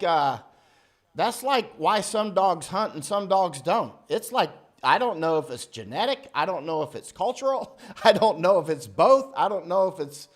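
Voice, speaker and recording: American guy rambling on a livestream, reads comments out, slightly high voice, keeps restarting. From United States. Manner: rambling, restarts often, gets loud and heated. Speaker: livestream host reading viewer comments. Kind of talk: casual livestream talk.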